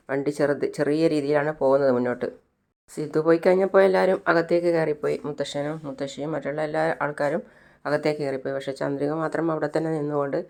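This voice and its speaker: Casual retelling of a serial, middling pitch. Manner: conversational, with frequent fillers and restarts. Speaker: serial recap narrator.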